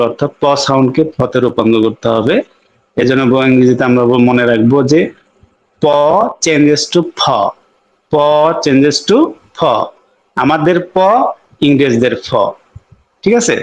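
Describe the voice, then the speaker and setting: A male English teacher giving a lecture, explaining step by step, repeating key sounds slowly and often checking in with his listeners. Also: on the high side, highs cut off. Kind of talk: classroom-style lecture.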